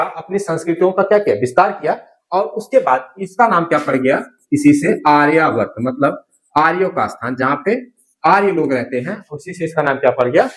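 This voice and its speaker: A man's voice: on the high side, poor audio. A male teacher giving a lesson, writing on a board, who keeps asking questions and answering them himself, repeating key words and correcting slips. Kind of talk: classroom lecture. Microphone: writing on a board while talking.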